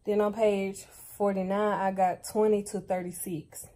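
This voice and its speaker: A woman's voice: medium pitch, flat delivery, a little slow, warm tone. A young woman in her late teens, chatting casually to her viewers at home in a slangy, direct way. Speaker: vlogger. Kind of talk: casual vlog chat.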